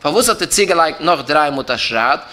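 Male rabbi, Yiddish accent, lecture chant with rising and falling lines, bright voice. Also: fairly high pitch, lively intonation, brisk. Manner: rising and falling chant, stresses key terms, repeats phrases. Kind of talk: Talmudic lecture in a singsong study chant.

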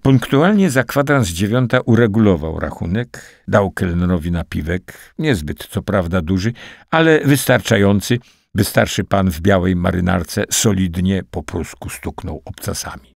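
A man narrating a wartime spy novel as an audiobook in a steady, dramatic reading. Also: deep voice, moderate pace, creaky, no room sound, studio quality. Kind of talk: scripted narration.

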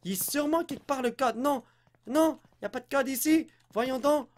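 Québécois man, let's play commentator, high-pitched and excitable. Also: normal speed, slight background noise. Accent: Québécois French. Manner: excitable, blurts English exclamations, yelps when startled. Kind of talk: gameplay commentary.

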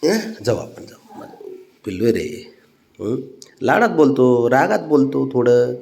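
A man's voice: medium pitch, very animated, measured pace, gravelly, mellow, echoey room. A man talking to his cat at home, coaxing and scolding it by turns. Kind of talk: casual talk to a pet.

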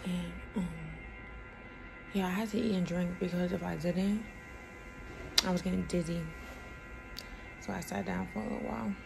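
Weak, weary young woman after surgery, creaky voice. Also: lowish voice, steady tone, normal speed, pauses often, over music. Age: young adult. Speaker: vlogger. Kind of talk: casual personal vlog. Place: small indoor rooms with bare walls. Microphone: phone held at arm's length. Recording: noisy handheld phone audio.

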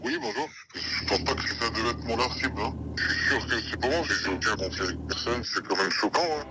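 A man's voice: mid-range voice, a little fast. A man whose voice is altered by a voice changer, giving short, insistent denials in a phone interview. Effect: voice disguised with a voice changer. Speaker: intended target of a hit, interviewed. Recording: phone call with loud background noise.

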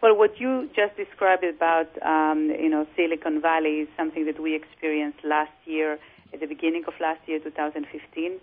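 A woman raised in Israel, a real estate broker being interviewed over the phone, speaking in a measured way with many fillers and restarts. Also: deep voice, fairly even intonation. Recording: tinny phone line.

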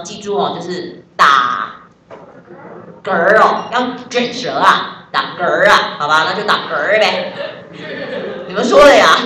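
A woman's voice: mid-range voice, pushed and bright, echoey room, distant mic, a little hiss or hum. A woman with a Taiwanese Mandarin accent teaching an English class, chatty and joking, spelling words out letter by letter. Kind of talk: classroom lesson.

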